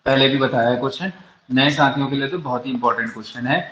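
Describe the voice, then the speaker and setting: A man's voice: medium pitch, fairly even intonation, quick pace, fairly bright tone. Indian english guy running an exam-prep lecture, keeps quizzing the class and answering himself, roomy and kinda dull lo-fi sound. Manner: drills students with rhetorical questions, answers them himself. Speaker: English literature teacher. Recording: echoey, dull lo-fi room sound.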